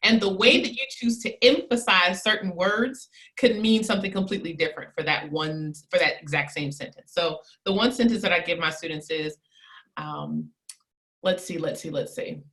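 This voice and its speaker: A woman's voice: on the low side, moderate pace, a bit bright. A woman in her thirties, an etiquette teacher as an interview guest, explaining her methods in an instructive way and acting out example sentences with shifting emphasis. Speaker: charm academy owner and etiquette teacher.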